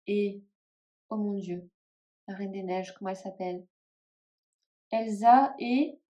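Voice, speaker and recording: A woman with a northern French accent chatting casually to camera about tarot decks, often pausing and trailing off as she searches for names. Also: medium pitch, mellow. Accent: northern French (Ch'ti). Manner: hesitant, musing, many fillers and trailing off. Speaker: tarot vlogger.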